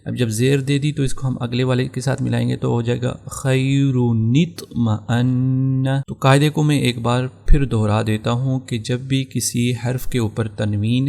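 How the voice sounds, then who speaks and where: A male Quran teacher with a Pakistani Urdu accent explains recitation rules in a patient, step-by-step lesson. His voice carries a gravelly, creaky texture at a mid pitch. He goes back over each rule and takes every example slowly. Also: darkish tone.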